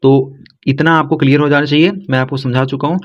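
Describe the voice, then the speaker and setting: A man's voice: a little high, level tone, fast. Man teaching words, dull lo-fi sound. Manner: repetitive, keeps saying "thik hai". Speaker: English teacher. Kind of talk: vocabulary lesson for learners.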